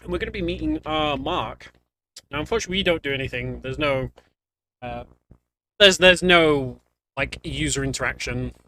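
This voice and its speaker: A man speaks in a slightly high voice at a normal pace, with long pauses, a sharp tone, and a faint hiss or hum. He's a speedrunner offering casual, somewhat hesitant commentary on his gameplay and frequently corrects himself. Game music and sounds play behind him.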